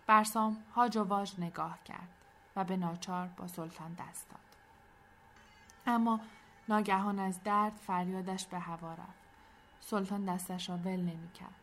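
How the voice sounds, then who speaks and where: A woman narrating a storybook in an expressive, clear storytelling manner. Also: on the low side, a little hiss or hum.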